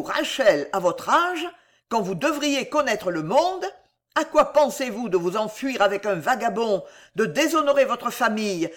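A reader voicing a choleric old man who shouts in fits of rage, in an audiobook. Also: mid-range voice, natural voice. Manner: loud and barking. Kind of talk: audiobook character voice.

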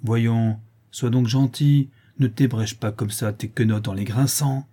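A man's voice: medium pitch, steady tone, measured pace, dark tone, slightly rough. A man reading aloud and voicing a spiteful, mocking one-eyed old woman crook. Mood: wheedling. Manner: mocking, wheedling, sneering.

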